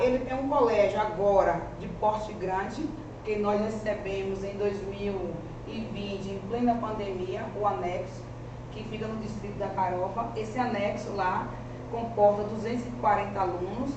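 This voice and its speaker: In her forties and strongly accented in rural Bahian Brazilian Portuguese, a woman from rural Bahia who teaches and studies for a master's presents her research freely at a seminar. Her mid-range voice sounds earnest and conversational, restarting often, in echoey, distant, noisy audio.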